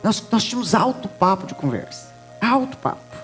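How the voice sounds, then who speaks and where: A Brazilian woman preaching a testimony in church, telling stories in a lively way and acting out the voices of others. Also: mid-range voice, moderate pace, faint music behind. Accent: Brazilian Portuguese. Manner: lively storytelling with laughs, acts out voices. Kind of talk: sermon testimony.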